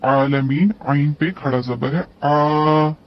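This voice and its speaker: A male tajweed teacher who talks very slowly and deliberately, sounding out letters one by one. His voice sits a little high, and he lengthens the recited syllables. The recording is dull and lo-fi. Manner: spells out letters and stretches recited words. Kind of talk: slow tajweed lesson, recitation and explanation.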